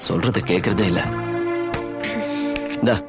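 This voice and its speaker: An actor playing a worried young husband who comforts his wife with soft, coaxing words. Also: fairly low pitch, unhurried. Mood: calm coaxing. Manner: soothing, coaxing. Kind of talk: film dialogue. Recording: dull film soundtrack with loud music.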